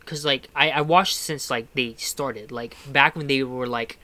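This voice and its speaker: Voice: medium pitch, unhurried, pushed and bright. A podcast co-host chatting casually, rambling with lots of fillers and restarts. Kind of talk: casual chat.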